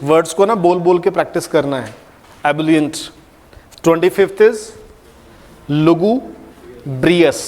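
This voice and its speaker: A man teaches vocabulary in a classroom, calling out each word and repeating it so students can practise. His voice sits a little high and he speaks at an unhurried pace. The room adds a long, ringing echo behind him. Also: darkish tone. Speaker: English teacher. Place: classroom with a board.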